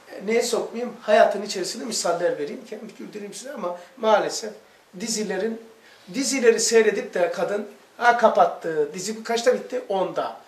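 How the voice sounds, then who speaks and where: High-voiced man telling a lively lesson. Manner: animated, acts out dialogue in quotes. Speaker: religious teacher. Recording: echoey room from far off.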